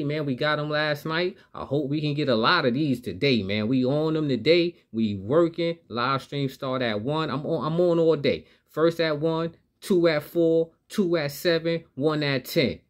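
A man hosting a sports betting channel, talking straight to his viewers in an upbeat, hyped way as he lays out his picks. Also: a little high. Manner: upbeat, hypes viewers, talks straight to the audience.

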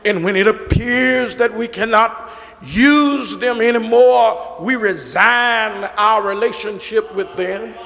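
A man's voice: sits high, creaky, a bit bright, long reverb tail. A middle-aged man preaching a sermon from the pulpit, stretching and repeating words and calling on the congregation to answer. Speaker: pastor. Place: large church sanctuary, behind a pulpit.

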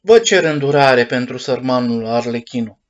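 A man's voice: medium pitch, expressive, lightly acted. A man voicing a small wooden puppet boy, earnest and pleading, in a dull lo-fi storybook recording.

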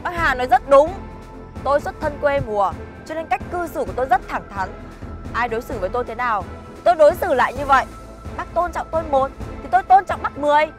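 A woman's voice: high voice, animated, fast talker, over music. A young actress playing a blunt, defiant young woman who answers back firmly and coldly. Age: young adult. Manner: blunt, cold, firm retorts.

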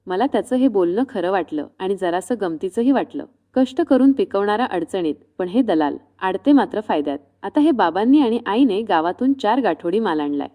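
A woman reading a first-person story in a calm, reflective scripted narration. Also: mid-range voice, moderate pace, hardly any pauses.

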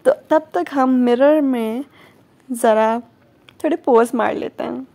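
A woman's voice: on the high side, takes it slowly, vocal fry, warm tone. A young woman from Pakistan chatting casually through her shopping vlog, with joking asides. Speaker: vlogger. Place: large supermarket, indoors.

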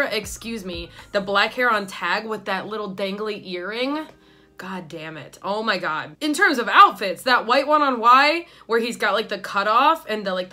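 A young woman hosting a casual music video reaction, rambling and excitable, swearing freely. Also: medium pitch. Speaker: YouTube reaction host.

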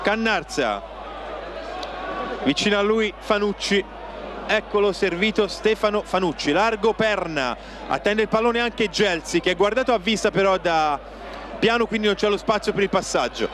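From an outdoor stadium stand, a man calls live football play-by-play in clipped phrases, naming players as they go. His voice sits high at a moderate pace, and crowd noise fills this noisy outdoor TV broadcast.

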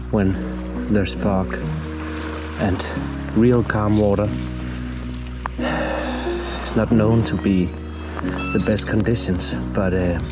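A man in his thirties hosts a fishing vlog outdoors on a sea shore, speaking into a lapel mic in a relaxed, chatty, self-mocking way. His voice sits on the low side.

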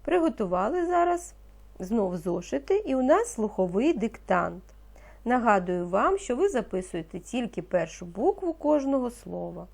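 A woman teaching a reading lesson to young children, speaking slowly and patiently and pronouncing each word with care. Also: on the high side, very animated, creaky, a little mellow, slightly rough. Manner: slow, patient, encouraging, pronounces words carefully. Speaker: primary school teacher.

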